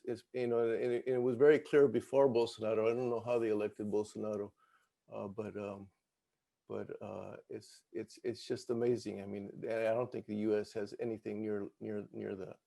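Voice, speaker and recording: A man's voice: mid-range voice, gravelly, warm tone. A man speaking as a panelist in an online discussion, hesitant with many fillers.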